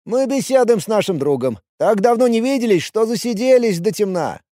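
A man puts on a loud, high-pitched street gang boss, barking orders in crude slang with a swinging, lively delivery. The sound is dry and close, like a storybook read right into the mic. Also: normal speed, no room sound. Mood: fake polite. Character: rough young male street thug, bossy gang leader.

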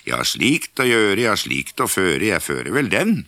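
A man's voice: deep voice, big pitch swings, vocal fry, bright, forceful tone, no room sound, clean studio sound, heavily acted. A man voicing a cheerful, boastful youngest peasant brother in a fairytale reading, with a gleeful singsong.

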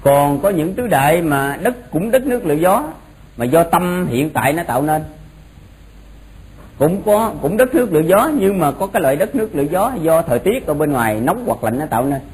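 A man's voice: on the high side, big pitch swings, normal speed, darkish tone, low-quality recording. A man giving an informal explanatory religious lecture, often repeating phrases for emphasis. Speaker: Buddhist monk teaching a doctrine class. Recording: noticeable background noise.

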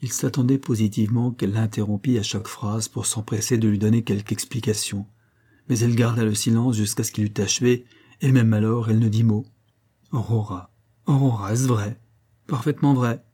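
A man reads a classic novel aloud in a measured, solemn delivery. His voice sits low and mellow, with a husky texture. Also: little pitch movement. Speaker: audiobook narrator. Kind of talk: literary audiobook narration.

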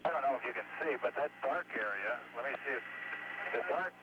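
An astronaut in orbit talking matter-of-factly over a breaking-up space radio downlink, explaining things step by step. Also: male voice, medium pitch, animated, fairly quick. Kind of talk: live air-to-ground radio exchange. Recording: muffled, heavily hissing radio downlink.

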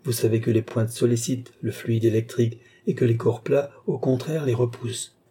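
Man doing a phlegmatic young prince for an audiobook, dark voice, measured and level. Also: mid-range voice, breathy edge, close to an everyday voice. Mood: reassuring. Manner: calm, measured, explaining. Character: calm, cold young prince, rational husband. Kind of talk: audiobook character reading.

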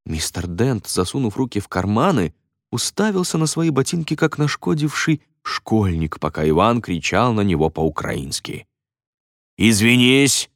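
A man narrating an audiobook in an expressive storytelling manner, recorded close on a studio mic. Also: on the low side, normal speed, no echo. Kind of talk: scripted narration.

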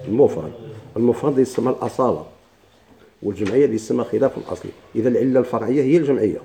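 A man's voice: mid-range voice, rapid-fire, creaky, warm tone. A man with a Moroccan Arabic accent teaching a classroom grammar lesson, explaining step by step and asking his own questions.

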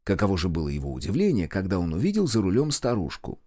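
A man's voice: deep voice, huge pitch swings, fast talker, dark tone, dry recording, studio quality. A man narrating a novel as an audiobook, telling the story expressively. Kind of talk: scripted narration.

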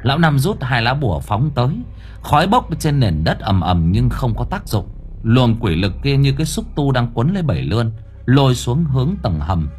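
A man narrating a ghost story audiobook in a vivid, expressive way. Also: medium pitch, normal speed, faint music behind.

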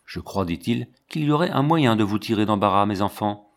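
A man voicing a kindly, fatherly sailor captain in a storybook reading, calm and reassuring. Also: fairly low pitch, brisk. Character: kindly middle-aged male sailor captain.

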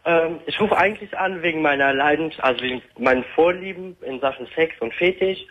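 Young man calling in on a muffled speakerphone. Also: on the high side. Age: 20s. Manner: hesitant, halting, with many fillers. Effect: calling on a hands-free speakerphone. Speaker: caller. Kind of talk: late-night call-in talk. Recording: muffled speakerphone phone line.

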